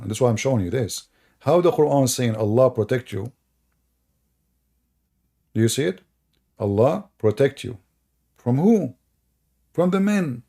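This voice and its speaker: With a dark-toned, medium-pitched voice, a native Arabic speaker from the Middle East mocks and teases sarcastically while hosting a live stream. He speaks with an Arabic accent.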